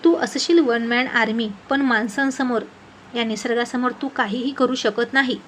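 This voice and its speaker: Spirited young woman, as the narrator does her, lively and scolding, storybook. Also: a little high, moderate pace, slight background noise, natural voice.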